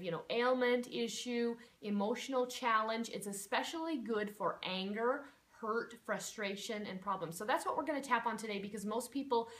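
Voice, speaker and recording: A woman teaching a tapping technique, chatty and casual, who lists emotions in soft murmurs. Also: mid-range voice, distant mic. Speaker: tapping instructor. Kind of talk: guided self-help demonstration.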